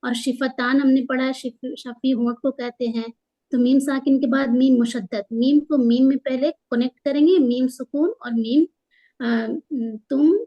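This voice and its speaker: A woman teaching Quran tajweed, patiently explaining the rules and slowing down to stretch out each recited word. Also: sits high, fairly even intonation, dull audio. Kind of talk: tajweed lesson, spelling out letters and drawing out recited words.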